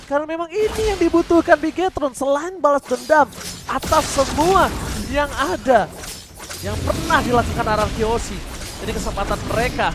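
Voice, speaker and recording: An Indonesian-accented man casts a live esports match in a very high-pitched voice. His play-by-play is emphatic, with repeated catchphrases and bits of English mixed in. Music runs behind the broadcast. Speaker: esports shoutcaster. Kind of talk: live play-by-play game commentary. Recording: broadcast commentary over music.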